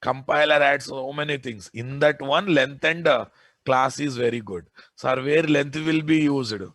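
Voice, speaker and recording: Slow-paced Telugu-accented Indian man lecturing. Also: medium pitch, a bit bright, no echo, studio quality. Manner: insistent, often questioning students and answering himself. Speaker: programming lecturer. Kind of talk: informal live technical lesson.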